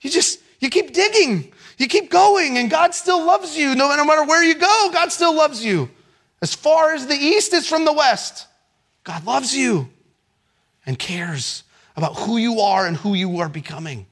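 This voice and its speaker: A male pastor delivering a sermon in a high, very lively voice. He tells stories with big energy, then drops to soft, hushed tones for the serious points. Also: unhurried. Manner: animated storytelling, swinging from excited shouts to hushed tones.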